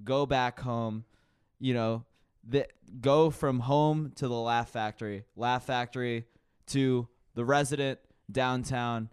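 A man's voice: medium pitch, steady tone, slow, clear, resonant tone, no room sound, clean studio sound. A man co-hosting a comedy podcast, chatting casually with emphatic, profane joking.

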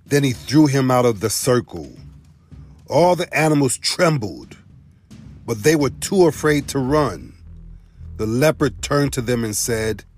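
A man narrating a folk tale, telling it in an expressive storybook style. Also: medium pitch, a little slow, faint music behind.

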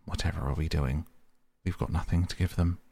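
A man voicing an eager, fretful small male mole who talks quickly and anxiously. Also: low-pitched, fairly even intonation, gravelly, slightly rough, full character voice.

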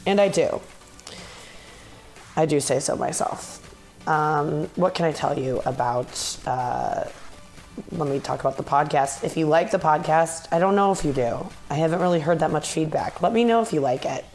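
A tired woman with vocal fry, hosting a podcast in a casual, candid, self-deprecating and rambling solo monologue. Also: deep voice, normal speed, darkish tone, soft background music. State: tired from travel and talking. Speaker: podcast host. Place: bedroom in a condo, sitting in bed.

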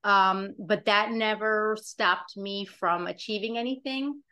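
A woman's voice: medium pitch, fairly even intonation, slow pace, sharp tone, clean tone. A woman from Pennsylvania, a journalist speaking as a podcast guest, confident and upbeat as she talks about herself. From Pennsylvania, USA. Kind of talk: casual podcast interview.

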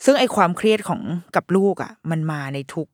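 A woman's voice: mid-range voice, sing-song, fast talker, no room sound, clean studio sound. A woman in her thirties hosting a podcast, talking casually and expressively, laughing often and throwing in playful exclamations. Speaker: podcast host. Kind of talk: casual chat podcast monologue.

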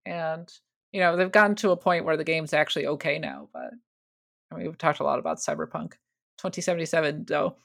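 A podcast co-host explaining points in a measured, conversational way. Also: medium pitch, expressive, creaky, a bit bright. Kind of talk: casual panel discussion.

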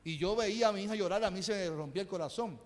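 A man's voice: high voice, very fast. A pastor preaching to his congregation, earnest and conversational, asking rhetorical questions. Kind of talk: sermon. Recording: reverberant hall.

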